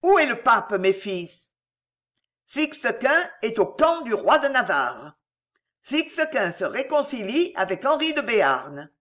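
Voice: mid-range voice, sing-song, takes it slowly, fairly bright tone. Fierce old noble mother done by the reader, fiery and declamatory, voice swings up and down a lot. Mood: fierce, urgent.

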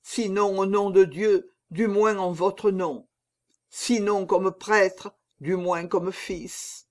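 A man's voice: high-pitched, steady tone, slow pace. Man voicing a dying, pleading executioner. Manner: pleading, anguished. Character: dying male executioner begging for absolution.

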